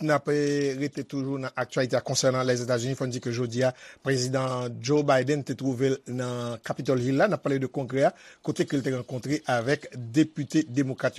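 A man's voice: mid-range voice, no room sound. A man presenting the news as anchor, in a conversational style with spoken fillers.

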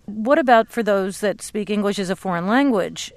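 A woman co-hosting an educational radio program, reading script lines and asking interview questions clearly. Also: medium pitch, normal speed, dry recording. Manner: even, clear announcing. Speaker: radio co-host.

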